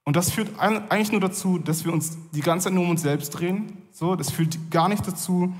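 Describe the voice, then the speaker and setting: A man giving a sermon in a casual, conversational way, often pausing with fillers. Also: high-pitched, big-room sound. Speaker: preacher.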